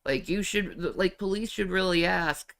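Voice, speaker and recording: A woman's voice: on the low side, measured pace, creaky. A woman streamer chatting casually and sarcastically about online drama, sometimes mocking others with put-on voices. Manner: sarcastic, animated, mocking impressions. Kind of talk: casual commentary chat.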